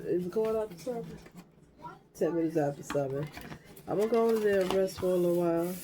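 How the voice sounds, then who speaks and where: Sorting through her craft supplies, an older crafting vlogger rambles along to her viewers and to herself. She has a stuffy nose, and her lowish, dark-toned voice carries a faint hiss or hum.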